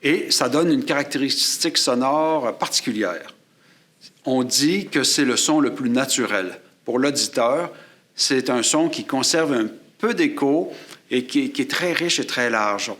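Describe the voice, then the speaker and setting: A man's voice: mid-range voice, expressive, a little slow, fairly bright tone. Man explaining sound gear. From Quebec. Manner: explanatory, demonstrating gear while talking. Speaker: photography and sound instructor. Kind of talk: classroom demonstration. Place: studio table set up for filming. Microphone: shotgun mic on a boom above, aimed at his chest.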